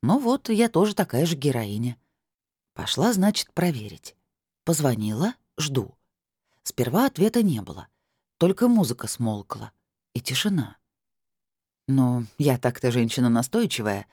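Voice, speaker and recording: A woman narrating a first-person story in a wry, lively storytelling manner. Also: rumbling low, unhurried, long pauses, slightly rough, dry recording, clean studio sound.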